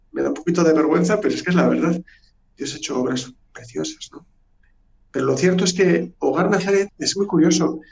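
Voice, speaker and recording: A priest telling a lively story on a radio interview. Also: male voice, mid-range voice, gravelly, roomy sound, a little hiss or hum. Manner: animated anecdotal storytelling. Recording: dull lo-fi audio.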